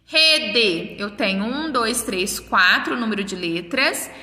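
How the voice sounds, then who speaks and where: A Brazilian woman teacher guides young children through a lesson at a slow, patient pace. Her voice is very bright and a little high. She sits away from the mic in a room with a long, echoing reverb. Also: expressive. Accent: Brazilian Portuguese. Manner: slow, patient, counting and sounding out words. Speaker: primary school teacher. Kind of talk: remote class walkthrough for children. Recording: roomy echo, mic at a distance.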